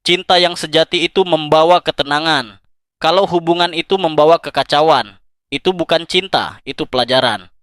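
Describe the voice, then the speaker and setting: A man's voice: a little high, moderate pace, fairly bright tone, no echo, studio quality. A man narrating a scripted psychology video, speaking directly and persuasively to the listener. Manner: direct, second-person, persuasive.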